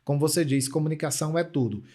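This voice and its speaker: A man's voice: on the high side, quick pace, mellow. A man with a Brazilian accent hosting an interview podcast, enthusiastic and repeating words as he searches for them. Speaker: podcast host.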